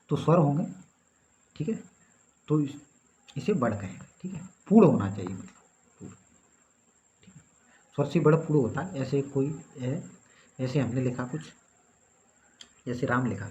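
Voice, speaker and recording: Guy teaching grammar, explains step by step, slightly dull recording, bit of noise behind. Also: medium pitch. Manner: explains step by step, often checking in with "ठीक है". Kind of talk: grammar lesson.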